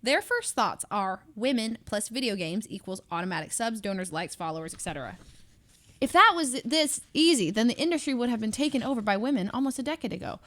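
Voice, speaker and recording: A woman's voice: on the high side, animated, a little fast, fairly bright tone. A woman streamer reading a book aloud with off-hand asides, practising put-on Southern, British and valley girl accents and stumbling over words as she goes. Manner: stumbles and restarts while reading. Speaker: live streamer.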